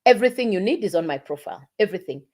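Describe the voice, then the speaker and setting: Woman pitching on a livestream. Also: lively intonation, very fast, mellow. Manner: repetitive, coaxing, addresses viewers directly. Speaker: online marketing livestreamer.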